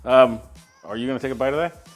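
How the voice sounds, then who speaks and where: With faint music playing behind him, a man hosts a casual kitchen cooking demonstration, explaining every step at a quick clip and filling gaps with frequent filler sounds. His voice sits at a medium pitch.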